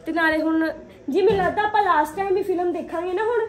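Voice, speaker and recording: Speaking quickly in an extremely high pitch, this vlogger in her 20s casually addresses viewers as "guys." The clip is recorded on a phone held at arm's length, with loud music layered over her voice.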